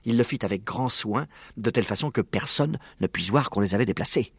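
A man narrating a children's story aloud, expressive and slowing down for suspense. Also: lowish voice, slightly rough, dry recording. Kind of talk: storybook reading.

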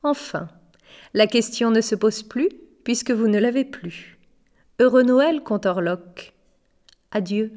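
A woman voicing a gentle, shrewd little old male dealer who speaks softly and with irony in an audiobook story. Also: fairly high pitch, slow, long pauses. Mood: gently reproachful. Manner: soft-spoken, ironic. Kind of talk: audiobook reading.

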